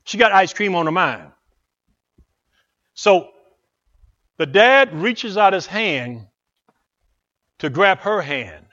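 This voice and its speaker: Animated high-voiced male preacher. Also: slow, long pauses, lo-fi sound. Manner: animated and dramatic, with repetition. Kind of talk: sermon with a storytelling illustration.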